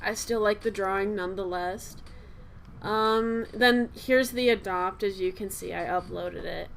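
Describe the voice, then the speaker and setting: A woman's voice: medium pitch, unhurried, vocal fry, a little hiss or hum. A young woman and artist chatting casually about her old drawings, rambling and giggling with lots of fillers and self-corrections. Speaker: artist and channel host. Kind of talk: casual chat reviewing old artwork. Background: faint background music.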